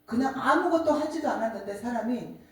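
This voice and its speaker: Echoey, lively middle-aged woman preacher. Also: fairly high pitch, brisk. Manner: animated storytelling, acts out quoted voices. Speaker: church speaker giving a testimony. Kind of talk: sermon testimony. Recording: echoey room, distant mic.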